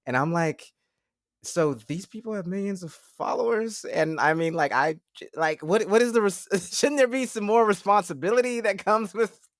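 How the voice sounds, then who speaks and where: In his forties, a male podcast co-host asks long, rambling questions in a casual interview, with fillers and easy laughs. His high voice is expressive at a moderate pace, and the studio sound is clean with no room sound.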